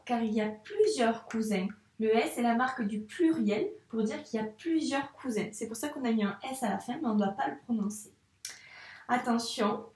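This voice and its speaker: A woman's voice: fairly high pitch, a little mellow, reverberant, distant mic. A woman teaching young children to read, speaking patiently and sounding out letters with care. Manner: patient, slow, over-articulated sounds for children. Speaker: primary school teacher. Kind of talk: reading lesson for young children.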